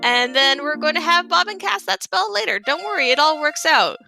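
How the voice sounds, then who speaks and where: A woman's voice: high-pitched, expressive, fairly quick, gravelly, over music. A woman giving casual, chatty live commentary on her own game run, with playful asides.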